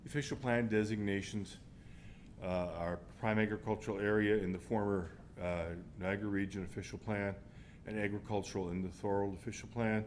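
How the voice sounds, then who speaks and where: A man giving a formal planning presentation to a council, halting often as he goes. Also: steady tone. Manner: halting, with frequent pauses and hesitations. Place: council meeting room. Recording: rumbly background room noise.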